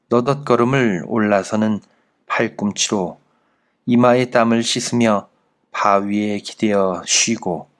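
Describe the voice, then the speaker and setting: Slow, low-voiced male narrator. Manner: slow, measured literary reading. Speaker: audiobook narrator. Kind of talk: scripted narration of a classic travel essay.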